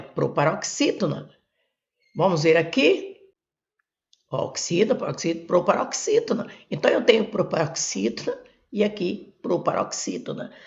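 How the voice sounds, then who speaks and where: A woman's voice: fairly low pitch, gravelly. A Brazilian woman teaching grammar for exam prep, explaining step by step and repeating terms, while she has a cold. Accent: Brazilian Portuguese. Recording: dull lo-fi recording.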